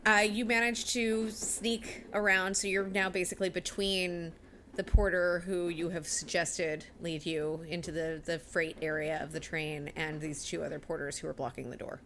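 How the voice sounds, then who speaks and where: A woman with a slightly low voice narrates a tabletop game as game master. She improvises as she goes, over faint background noise. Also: level tone, normal speed, a bit bright.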